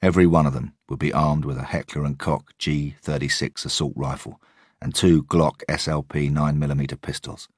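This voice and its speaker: A man narrating a first-person audiobook in a measured, steady way. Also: rumbling low, breathy edge, no echo, clean studio sound.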